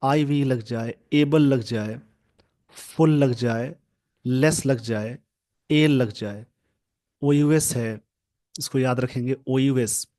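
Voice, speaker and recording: A man teaching English grammar from a newspaper, explaining slowly and repeating key words. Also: medium pitch, warm tone. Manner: slow, repetitive explaining, mixing English terms into Hindi.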